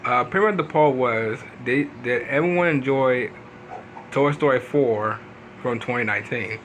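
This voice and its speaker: Man, casual gameplay commentary, rambling, filler-heavy, sudden pitch jumps, faint noise. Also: a little slow, a bit bright, poor audio. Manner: rambling, leans on "pretty much" fillers and restarts. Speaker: gaming video host.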